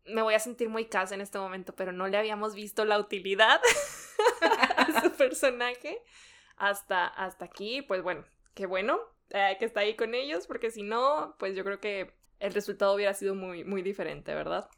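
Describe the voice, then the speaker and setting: A woman's voice: medium pitch, expressive, moderate pace, fairly bright tone. A woman co-hosting a casual book discussion, chatty, laughing often and trailing off mid-thought. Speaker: book podcast co-host.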